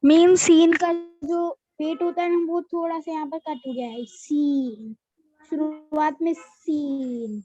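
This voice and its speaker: High-voiced woman teaching letters patiently. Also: steady tone, slow pace, dark tone, no room sound, muffled recording. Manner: patient, repeats each letter name. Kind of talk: children's alphabet lesson.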